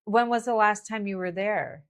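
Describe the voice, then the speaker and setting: A woman's voice: medium pitch, fairly even intonation, normal speed, clear, resonant tone. A woman hosting a live Q&A stream, chatting casually and giving health advice to callers.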